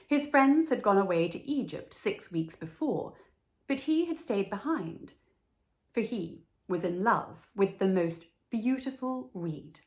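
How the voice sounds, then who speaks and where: Female storybook reader: very unhurried, measured, mid-pitched children's narration. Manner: measured, deliberate phrasing.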